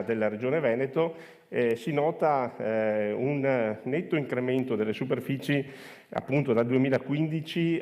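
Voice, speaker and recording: A man speaking through a face mask in a halting way, presenting slides as an official at a conference. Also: medium pitch, darkish tone. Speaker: regional agriculture official presenting. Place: conference room with audience. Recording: reverberant hall.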